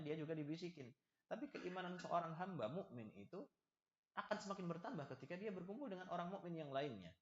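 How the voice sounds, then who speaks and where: Male preacher for a lecture: animated, joking, acts out small dialogues; slightly high voice, echoey muffled room. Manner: lively, acts out little dialogues and jokes with the audience. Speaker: preacher giving a study lesson. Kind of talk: religious study lecture. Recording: echoey, slightly dull hall recording.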